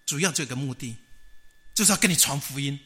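A man's voice: mid-range voice, pushed and bright, close to an everyday voice. A preacher acting out a timid old man who falters and stammers while trying to share his faith, as an acted quote in a sermon. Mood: tearful. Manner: halting, stammering. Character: timid old male churchgoer, tearful.

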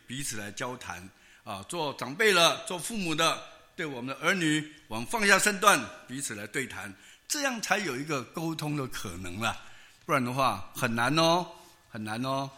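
A man's voice: mid-range voice, sing-song, moderate pace, bright, forceful tone. An older man with a Taiwanese Mandarin accent preaching a sermon, telling stories in a folksy way with many fillers and tag particles. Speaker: pastor.

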